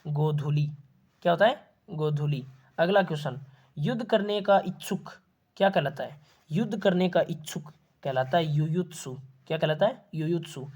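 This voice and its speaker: A man's voice: on the high side, moderate pace, darkish tone, husky. A man teaching an exam-prep lesson, asking questions and then answering them himself, repeating key words.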